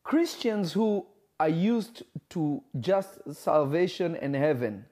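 A Kenyan man preaches a livestreamed sermon, greeting viewers by name as he goes. His pitch is fairly high and his tone darkish, with lively intonation, and he speaks emphatically, repeating phrases and slowing down for stress.

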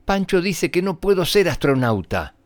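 A man's voice: high voice, big pitch swings, moderate pace, no room sound, pitched above the performer's own voice. A man voicing an eager, assertive young schoolgirl in a children's story. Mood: insistent. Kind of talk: storybook character reading.

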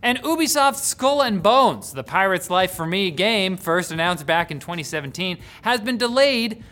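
A tech news host reading scripted headlines with jokey, sarcastic asides, swinging from loud bursts to hushed mutters. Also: medium pitch, animated, moderate pace.

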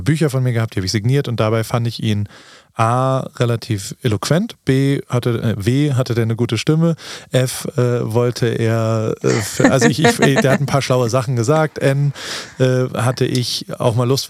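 A man's voice: medium pitch, normal speed, darkish tone, no echo, clean studio sound. A man in his forties co-hosting a podcast in casual, joking chat, rambling along playfully. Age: 40s. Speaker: podcast co-host. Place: podcast studio in a restaurant. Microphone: studio podcast mic.

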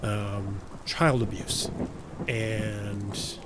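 A man's voice: lowish voice, steady tone, drawn-out words, noisy background. A man hosting a casual true-crime podcast, joking, swearing and laughing often as he tells the story. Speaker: podcast host.

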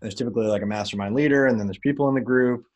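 A man speaking as a podcast guest, telling stories in a relaxed, animated way with plenty of fillers. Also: medium pitch, very fast. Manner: relaxed, animated, loose with fillers and an occasional curse. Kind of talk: casual interview storytelling.

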